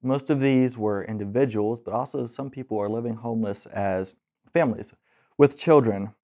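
Mellow-voiced young host asking questions. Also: male voice, medium pitch, moderate pace. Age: 20s. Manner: clear, scripted introductions and questions. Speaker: podcast host. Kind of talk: interview hosting. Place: bright office room with large windows. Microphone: lapel mic.

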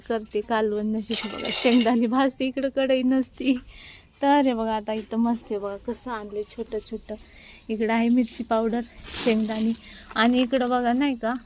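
A woman's voice: fairly high pitch, darkish tone, slight background noise. Chatty woman vlogging outdoors on a phone. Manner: chatty, keeps pointing things out to viewers. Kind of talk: casual vlog narration. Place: outdoors at a village home by a wood stove. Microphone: phone camera.

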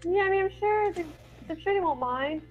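Giggly high-voiced woman. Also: animated, fairly quick, muffled recording, faint music behind. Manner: giggly, teasing asides. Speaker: player. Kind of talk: casual let's-play chat.

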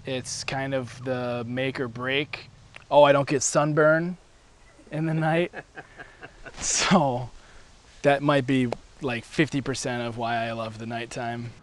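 A man's voice: mid-range voice, steady tone, slow. A man, a paddle boarder, chatting casually about his experience. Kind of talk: casual chat on location. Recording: faint outdoor ambient noise.

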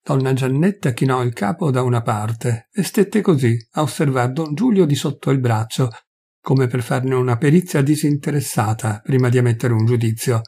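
Husky male reader, mid-pitched, for a measured classic-story audiobook. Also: mellow. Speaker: narrator. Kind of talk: literary audiobook reading.

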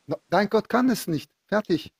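A man's voice: high voice, animated, moderate pace, vocal fry, over a noisy crowd. A man debating in an online voice chat, curt and dismissive, pushing to move on. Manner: curt, dismissive, pushes to change topic. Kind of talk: heated religious debate. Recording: loud noise on the line.

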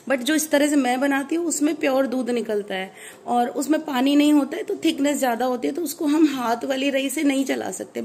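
A woman in her thirties with a hoarse, sore throat, chatting casually through a home cooking vlog and often losing her thread. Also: fairly high pitch, a little mellow, slight background noise. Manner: chatty, loses her thread and corrects herself. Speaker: vlogger, mother. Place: at home indoors.

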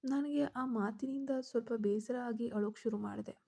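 A woman's voice: on the high side, moderate pace, vocal fry, warm tone, breathy edge. A woman narrating a first-person story and voicing the characters' lines herself.

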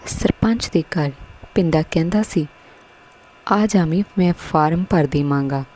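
A woman voicing a cautious, worried teenage schoolgirl who speaks haltingly. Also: deep voice, dark tone, slight background noise, poor audio. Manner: hesitant, pleading.

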